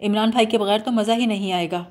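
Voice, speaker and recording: A woman reading the part of a cheerful, friendly young woman who speaks warmly and eagerly. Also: mid-range voice, steady tone, lightly acted. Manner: warm, eager.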